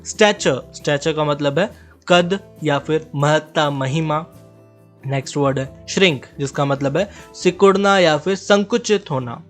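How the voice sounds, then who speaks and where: Higher-voiced man teaching vocabulary, soft music behind. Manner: reads English examples slowly twice, then explains. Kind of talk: explaining English words in Hindi.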